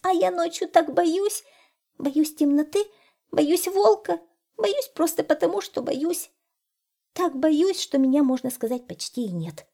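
A woman voicing a timid little hare in a storybook, talking high and jittery. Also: lively intonation, unhurried, mellow, heavily acted.

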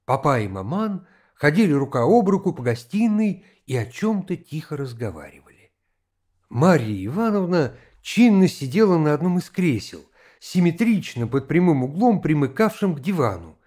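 A man's voice: a little high, darkish tone. A man narrating a classic novel as an audiobook, telling the story expressively.

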